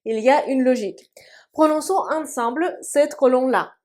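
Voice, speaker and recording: A woman's voice: high voice, darkish tone. A woman teaching a language video lesson, patiently repeating each word and drilling pronunciation at a board. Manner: patient, drills words slowly and repeats them. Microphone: writing on a board.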